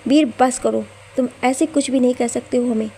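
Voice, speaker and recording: A woman's voice: on the high side, fairly even intonation, normal speed, dark tone, slight background noise, lightly acted. A woman voicing a young wife who answers her husband in a hurt, indignant tone. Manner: tearful, indignant.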